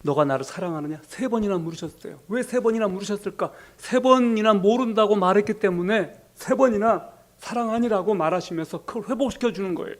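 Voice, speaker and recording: A man preaching a sermon as pastor, telling the story and acting out quoted lines in a softer, lower voice. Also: brisk, few pauses.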